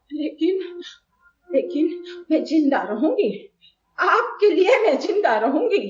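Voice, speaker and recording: A woman's voice: sits high, slight background noise. A woman playing an older, loyal wife who tenderly and tearfully reassures her husband in a home-performed drama. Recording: echoey home room, dull lo-fi sound.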